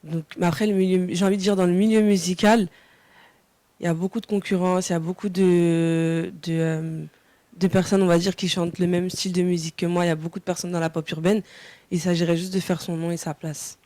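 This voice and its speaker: A woman's voice: lowish voice, little pitch movement, fairly quick, mellow, dry recording. Hesitant young French woman singer. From France. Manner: hesitant, many fillers and restarts. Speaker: singer, interview guest. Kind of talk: casual interview answers.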